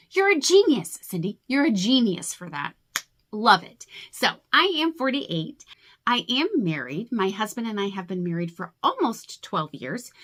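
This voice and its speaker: A crafting vlogger in her forties talks casually to camera about her family and pets, chatty and rambling with self-deprecating humor. Her voice has a medium pitch and a fairly bright tone.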